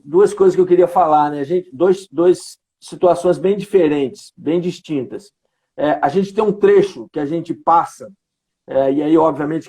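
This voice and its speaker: A man's voice: high-pitched, a little mellow. A man who manages environmental work for a company, a guest answering at length in an earnest, explanatory way with many tag questions.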